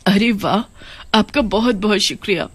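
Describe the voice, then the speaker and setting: A woman's voice: mid-range voice, moderate pace, a bit bright, husky. A woman voicing a widowed mother who has become a witch ghost in a cartoon, speaking in a lamenting, emotional way. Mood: grateful.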